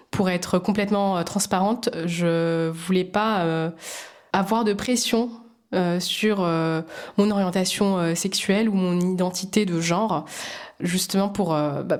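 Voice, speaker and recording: A woman's voice: on the low side, a little mellow. A woman speaking as a podcast guest, telling her own story in a hesitant way, with many fillers and restarts. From Djibouti. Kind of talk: personal testimony in a podcast interview.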